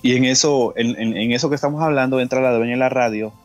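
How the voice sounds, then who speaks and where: A man's voice: mid-range voice, steady tone, fast, muffled recording, faint music behind. A man with a Honduran accent, a guest singer and pastor, tells a personal story in an interview, acting out the dialogue and often repeating words. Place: radio studio.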